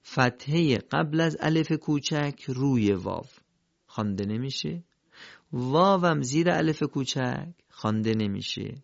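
Gravelly man teaching Quran reading. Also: mid-range voice, animated, dry recording, highs cut off. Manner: patient, repeats question-and-answer drills. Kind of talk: instructional lesson.

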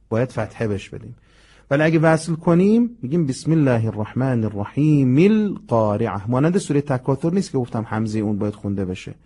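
A man teaches a Quran memorization lesson at a medium pitch. He explains each point patiently and sounds out the Arabic phrases slowly and carefully for learners to repeat. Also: warm tone. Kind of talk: recitation lesson.

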